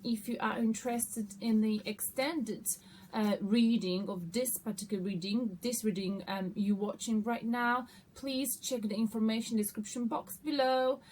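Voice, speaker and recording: A woman's voice: fairly high pitch, steady tone, measured pace, darkish tone. A woman giving a casual, conversational tarot reading, often checking in with her listeners. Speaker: tarot card reader hosting an online reading. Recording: noticeable background noise.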